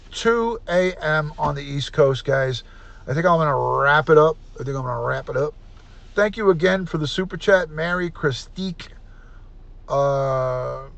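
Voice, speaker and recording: Gravelly-voiced New man in his fifties. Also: a little high, fairly bright tone, no echo. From United States. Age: 50s. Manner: chatty, reads out viewer names and thanks them. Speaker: live stream host. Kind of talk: casual live stream sign-off.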